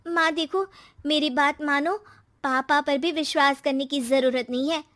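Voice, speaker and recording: A scheming, jealous young daughter from an animated moral story, acted by a woman, pitched very high. She insinuates and complains as she talks. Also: measured pace. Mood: insinuating.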